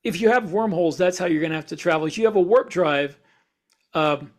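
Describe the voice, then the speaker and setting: A high-voiced man speaks briskly as a podcast co-host and science fiction author. He explains things through casual shop talk, his sentences meandering and often revised on the fly.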